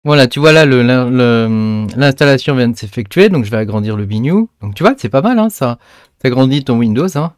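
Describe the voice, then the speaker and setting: A man's voice: mid-range voice, expressive, brisk, clear, resonant tone, no room sound, studio quality. A man hosting a casual screen-recorded tech tutorial, loose and chatty, with lots of fillers and slangy asides.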